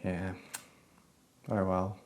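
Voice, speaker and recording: A man with a somewhat low voice chats casually as a co-host. He rambles along with plenty of fillers. He sounds relaxed and unscripted. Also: drawn-out words. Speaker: filmmaker and co-host. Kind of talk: casual chat.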